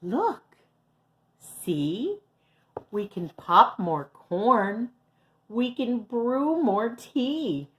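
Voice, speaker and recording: A tiny kind mouse soothing a friend in a storybook, put on by a woman reading aloud. The voice is lifted high and gentle, with lively rises. The words come slowly and carefully. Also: highs cut off, exaggerated voice.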